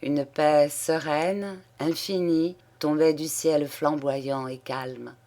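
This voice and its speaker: A woman reading a classic story aloud in calm, measured narration. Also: sits low. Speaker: reader.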